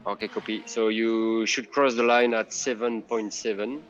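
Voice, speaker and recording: A man's voice: lowish voice, steady tone, normal speed, dull audio. A man working as race engineer, giving brief, clipped instructions over the race team radio.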